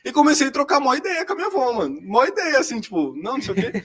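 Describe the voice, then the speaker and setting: Fast-talking high-voiced Brazilian young man. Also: huge pitch swings, fairly bright tone, breathy edge. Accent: Brazilian Portuguese. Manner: chatty and slangy, lots of fillers. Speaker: seminarian giving a vocation testimony. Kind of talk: casual personal storytelling.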